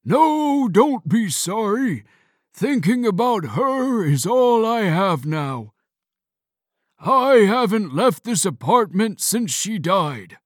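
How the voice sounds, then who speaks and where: A woman reading an audiobook, voicing a lonely very old man who talks extremely loudly and slowly. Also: medium pitch, sing-song, dry recording, studio quality, pitched above the performer's own voice. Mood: wistful.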